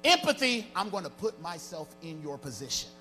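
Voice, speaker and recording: A pastor in his forties preaches a sermon on a large church stage with band gear and an audience, holding a handheld mic. His high, sing-song voice moves at normal speed in a rising, half-sung cadence. Music plays behind him.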